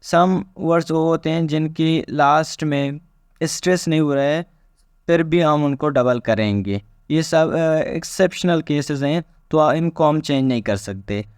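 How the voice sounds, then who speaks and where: Man teaching English spelling, smooth dry voice. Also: on the high side, darkish tone, no room sound. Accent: Pakistani. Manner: reads English rules slowly, then explains them casually with repetitions. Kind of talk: spelling lesson explained step by step.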